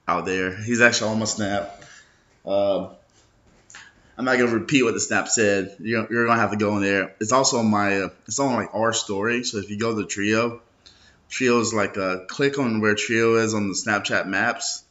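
A man's voice: fairly low pitch, a bit bright. A young man talking in a casual, rambling vlog style, hungover, sluggish and loose, with plenty of slang. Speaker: host of a local social media show. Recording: dull lo-fi sound.

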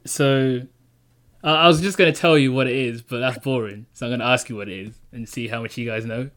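A man's voice: medium pitch, fairly even intonation, a little fast, fairly bright tone. A young man, chatting casually as a podcast panellist. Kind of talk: casual chat.

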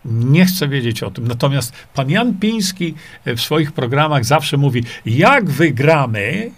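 A middle-aged man hosts a livestream, reading viewers' comments out loud and replying in a rambling, dismissive manner. His medium-pitched voice is animated and moves at a moderate pace, packed with fillers and rhetorical questions he keeps repeating.

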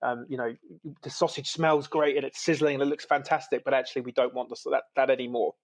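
A man's voice: medium pitch, steady tone, fast. A man originally from the UK, a podcast guest in casual conversation, talking with enthusiasm and laughing often. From United Kingdom. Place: lives in New Zealand.

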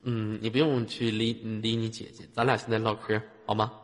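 A man's voice: on the low side, level tone, fairly quick. A man with a Northeastern Chinese accent hosting a live call-in show, chatting in a teasing, jokey way and often laughing. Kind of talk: joking casual chat with callers. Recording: long reverb, loud background noise.

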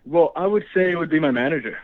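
A man's voice: fairly high pitch, animated, fast talker, crowd noise. A young man from the Dominican Republic, a guest actor chatting casually, laid-back and laughing often. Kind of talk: casual interview. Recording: tinny phone line.

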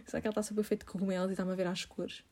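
Fast-talking woman. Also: medium pitch, darkish tone. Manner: chatty, laughing, heavy filler use. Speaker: vlogger. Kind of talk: casual storytelling to viewers.

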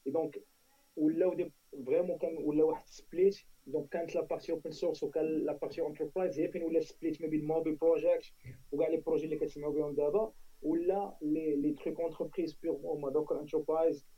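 A man's voice: fairly high pitch, steady tone, racing, slightly rough, far from the mic, lo-fi sound. A man with a Moroccan accent in a casual tech discussion, speaking emphatically, repeating phrases and switching into French. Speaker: tech talk panelist.

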